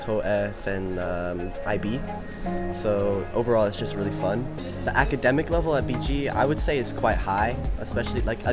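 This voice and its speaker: A young man, a student giving a casual, hesitant testimonial. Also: fairly low pitch. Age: young adult. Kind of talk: interview testimonial. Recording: loud music under voice.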